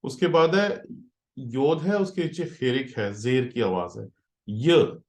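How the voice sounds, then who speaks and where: A man's voice: mid-range voice, sing-song, slow, a little mellow, roomy sound. A man teaching a Hebrew reading class as a pastor, explaining patiently step by step and checking often that students follow. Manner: patient, explaining step by step with frequent "theek hai". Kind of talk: online class lesson.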